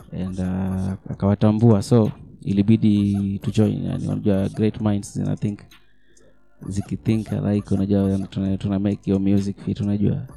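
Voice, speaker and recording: A young Kenyan-accented man chats casually as a music guest. His voice is deep and very mellow with a gravelly creak, and his intonation stays fairly flat. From Kisumu, Kenya. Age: young adult. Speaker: singer, interview guest. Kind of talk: casual chat with slang.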